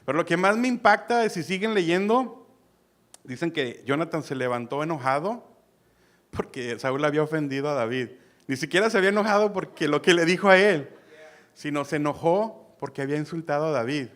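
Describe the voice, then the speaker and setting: A young man preaching a sermon, animated, switching between loud emphasis and soft asides. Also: a little high, a little fast.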